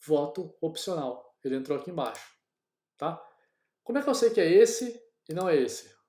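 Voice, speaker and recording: Recorded in an echoey room, this screen-captured coding lesson features a Brazilian man who teaches programming and narrates each step casually for his class. He's very animated, with a fairly high, dark-toned voice and a moderate pace.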